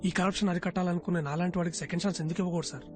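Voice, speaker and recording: A man's voice: high-pitched, steady tone, music in the background, close to an everyday voice. An actor playing a talkative job candidate who answers questions glibly and pleads his case, in dubbed film dialogue. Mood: earnest. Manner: glib, fast-talking, pleading. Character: cocky talkative young male job applicant.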